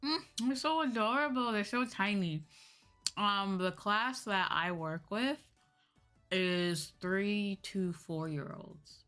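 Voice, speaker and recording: A VTuber streamer, a young adult woman, talks casually to her chat in a mid-range voice that's expressive and fairly bright, at a slow pace. She sounds hesitant and reflective, her throat a bit tired and sore after a full day of talking, while background music plays.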